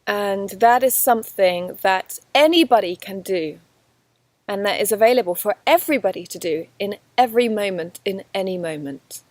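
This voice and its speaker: A woman's voice: medium pitch, normal speed, no room sound. A woman giving a spiritual course lesson outdoors in a forest, talking earnestly to the camera in a flowing way with frequent restarts. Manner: earnest, flowing, with many restarts and soft laughs. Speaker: spiritual teacher. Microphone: camera facing the speaker.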